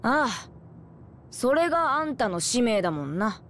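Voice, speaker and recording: A woman's voice: a little high, very animated, a little slow, a bit bright, a little hiss or hum. A woman voicing a skeptical young boy spirit in a video game, with casual, blunt, boyish delivery. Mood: sulky, sardonic. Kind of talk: Japanese RPG cutscene voice acting. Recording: game soundtrack music behind.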